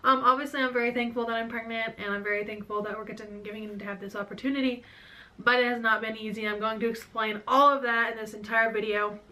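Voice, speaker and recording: A woman's voice: fairly high pitch, steady tone, fast, pushed and bright. A young woman in her twenties chatting to her camera in a bedroom at home, out of breath, rambling and jumping from thought to thought. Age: 20s. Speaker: vlogger. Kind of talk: casual chat to camera. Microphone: camera on a stand.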